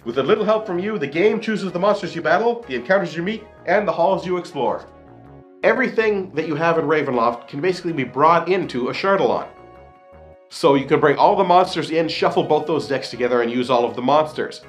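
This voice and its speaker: A man hosting a board game review, reading out rules and explaining them in his own words. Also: on the high side.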